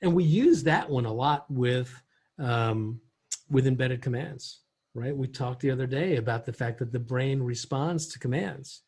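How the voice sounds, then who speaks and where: A man giving a recorded training lesson on communication, conversational, often acting out voices and switching pitch and pace to demonstrate. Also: measured pace, a little mellow, breathy edge. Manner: conversational, asks rhetorical questions.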